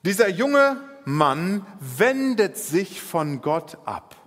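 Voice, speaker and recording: A man's voice: high voice, big pitch swings, drawn-out words, fairly bright tone, long reverb tail. A man preaching a sermon, retelling a parable in vivid, dramatic storytelling.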